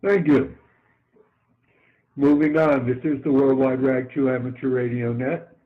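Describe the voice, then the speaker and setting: A man running an amateur radio net as its controller, speaking politely and haltingly over two-way radio. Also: mid-range voice. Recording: narrow-band amateur radio transmission.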